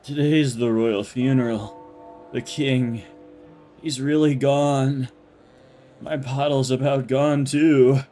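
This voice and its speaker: A man's voice: medium pitch, steady tone, soft background music, voice pushed up, close to an everyday voice. A man doing a slurring drunk. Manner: slow, slurred, loud drunk voice.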